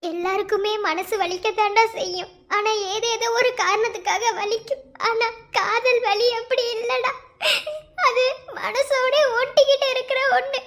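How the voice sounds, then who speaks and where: A woman's voice: very high voice, steady tone, a little slow, a bit bright, heavily acted. A woman voicing a heartbroken young bride in a cartoon, tearfully pleading to stop her wedding. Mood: desperate pleading.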